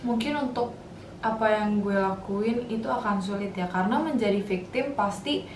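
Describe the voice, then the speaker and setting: This female university student from Indonesia, eighteen years old, offers her views in a relaxed discussion at a normal pace and medium pitch. The room echoes, the mic is far away, and there's some faint noise.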